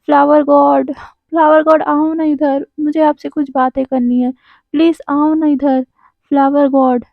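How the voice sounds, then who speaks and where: A woman voicing a whiny, dramatic young man who complains and pleads loudly. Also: high-pitched, level tone, a little slow, vocal fry, no room sound, phone-quality sound. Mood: pleading shouts.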